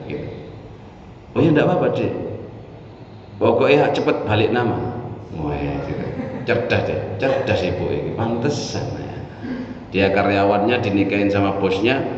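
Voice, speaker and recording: A man's voice: on the low side, slight background noise. East javanese preacher man, jokey chatty lecture, roomy muffled hall with faint background. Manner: chatty, joking, addresses listeners directly. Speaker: Islamic preacher. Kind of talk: religious lecture to a congregation. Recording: echoey hall, muffled sound, faint ambience.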